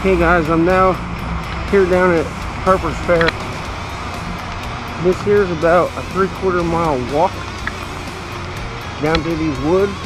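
A man's voice: a little high, steady tone, unhurried, pauses often, music in the background, rough recording. A young man chatting enthusiastically to the camera as he drives and hikes to a waterfall, talking about his landscape photography. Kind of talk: casual vlog narration. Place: in a car, then outdoors by a woodland waterfall.

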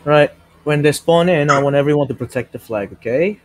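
A man's voice: fairly high pitch, fairly quick, dry recording, rough recording. A man leading a squad in gaming voice chat, barking repeated orders and swearing a lot. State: out of breath. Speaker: squad leader giving commands.

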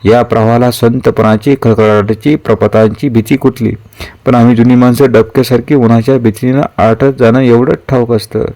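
A man voicing a dying old male mentor who gives calm, grave counsel in a measured way. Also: medium pitch, close to an everyday voice.

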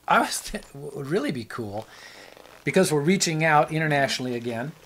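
A man's voice: on the high side, expressive, fairly quick, fairly bright tone, a little hiss or hum, rough recording. Easygoing man co-hosting a chat show. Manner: rambling, easygoing, joking. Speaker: show co-host. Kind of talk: casual chat.

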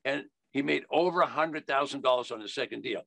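An older American man in his 70s, an investing educator, gives an instructional sales talk on a video call, emphatic and folksy, repeating key phrases. His medium-pitched voice is a little fast, with vocal fry and a pushed, bright quality. There is no echo.

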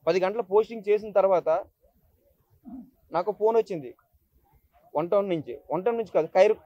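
Agitated fast-talking young man. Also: high voice, mellow, no echo. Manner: agitated, repeats himself, tearful recounting. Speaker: YouTuber speaking at a press meet. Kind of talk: emotional first-person account to the press. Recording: dull lo-fi dry recording.

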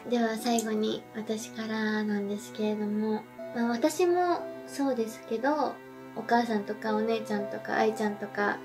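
A tipsy young woman hosts an informal channel chat. Her voice sits a little high, and faint music plays behind her. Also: fairly even intonation, moderate pace. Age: young adult. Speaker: channel host. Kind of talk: casual chat, addressing viewers. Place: indoor room, on a sofa at a table.

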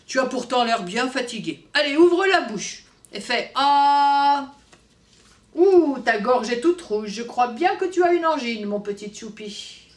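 A woman voicing a kind male family doctor in a children's story with a slow, mock deep voice, recorded with roomy echo from a distant mic. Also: expressive. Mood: kindly.

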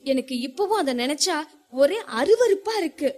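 A woman's voice: high voice, lively intonation, normal speed, darkish tone. Woman reading a hurt young wife. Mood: hurt, pleading. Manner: pleading, wounded. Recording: long hall reverb.

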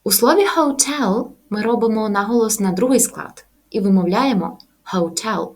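Female language teacher, voice sitting a bit high, slow careful delivery of example words. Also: lively intonation, a little mellow. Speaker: English teacher. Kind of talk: language lesson.

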